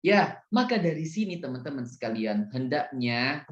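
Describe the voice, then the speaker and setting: A man teaching a religious story lesson to children, speaking slowly and animatedly and asking them questions. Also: medium pitch, sing-song. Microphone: video call. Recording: echoey, dull video call audio.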